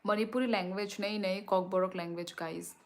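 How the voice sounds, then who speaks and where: On a live stream, a young native Kokborok speaker from Tripura in northeast India slowly reads and responds to viewer comments. She speaks at medium pitch with fairly even intonation.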